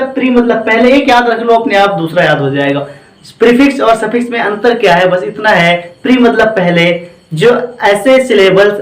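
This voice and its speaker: A man's voice: sits high, reverberant, low-quality recording. A man with an Indian English accent teaching a grammar lesson, often repeating and quizzing the class with questions. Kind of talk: classroom lecture.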